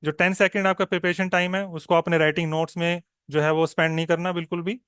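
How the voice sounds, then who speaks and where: Higher-voiced tutor, smooth and clear. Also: male voice, little pitch movement, a bit bright, no echo, clean studio sound. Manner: mixes Hindi and English, checks in with frequent "okay?"; slow, deliberate when modelling answers. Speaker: exam coaching tutor. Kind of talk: online exam-prep lesson.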